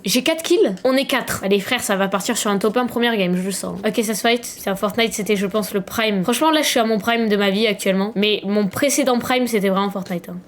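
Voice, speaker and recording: A young woman giving casual, slangy gaming commentary, excitable and swearing, with sudden loud shouts. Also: fairly high pitch. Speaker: gaming streamer.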